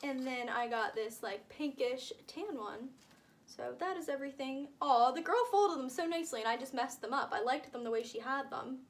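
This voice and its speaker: Filming her shopping haul vlog in a small indoor room against a curtain backdrop, a nineteen-year-old woman chats casually in a high voice at normal speed. She gushes and rambles, leaning heavily on "like" and hyperbole.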